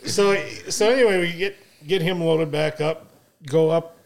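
A man's voice: on the high side, normal speed, crowd noise. A man hosting a podcast, telling a hunting story in a casual, rambling way. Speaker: podcast host.

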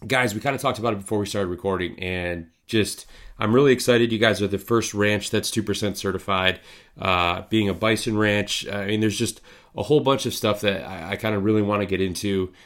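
A man hosting a podcast, reading an ad and chatting in a relaxed, rambling way with many fillers. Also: lowish voice, a little fast. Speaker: podcast host. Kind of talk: casual podcast interview.

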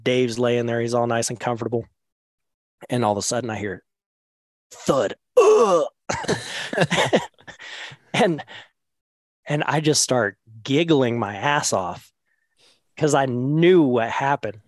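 A man tells a story in a casual, loose way, full of fillers, and he laughs at his own anecdote. His voice sits at a middling pitch and is recorded dry and close, with no room sound. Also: a little slow, long pauses, no echo.

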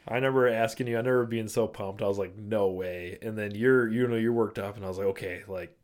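A man's voice: on the low side, fairly even intonation, fast talker, darkish tone. A man from Michigan co-hosting the show, reacting eagerly and replaying his side of the conversation. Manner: reactive, enthusiastic, quotes himself. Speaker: co-host. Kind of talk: casual conversational chat.

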